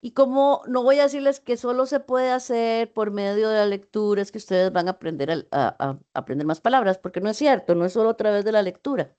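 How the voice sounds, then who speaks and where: A woman's voice: mid-range voice, a little fast, few pauses, dark tone, muffled recording. Female lecturer, online class, explanatory delivery with hesitant fillers and self-corrections. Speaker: university teacher.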